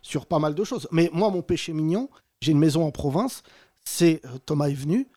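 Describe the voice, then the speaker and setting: A man hosting a casual talk show, telling stories with animated quoted voices. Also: fairly high pitch, normal speed. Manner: animated storytelling, acts out quotes. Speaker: host.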